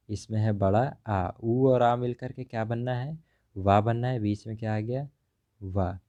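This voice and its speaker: A man's voice: medium pitch, dark tone. A male teacher explaining grammar examples step by step, repeatedly asking what a word becomes before answering it himself. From India.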